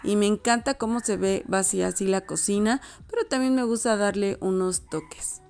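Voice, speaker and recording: A woman's voice: medium pitch, normal speed, a little mellow, faint music behind. Chatty woman narrating home vlog. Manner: chatty, self-correcting, addresses viewers as girls. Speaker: home decor vlogger. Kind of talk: casual voice-over narration.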